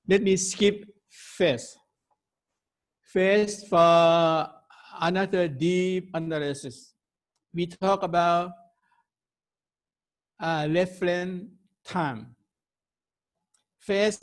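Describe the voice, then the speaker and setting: Slow, high-voiced Thai-accented man presenting. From Thailand. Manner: halting, broken English in short phrases. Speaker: webinar presenter. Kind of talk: technical webinar lecture.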